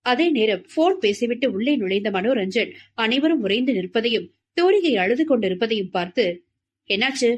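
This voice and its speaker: A woman's voice: a little high, lively intonation, moderate pace, a little hiss or hum. Tamil woman narrating a novel. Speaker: audiobook narrator. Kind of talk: scripted narration.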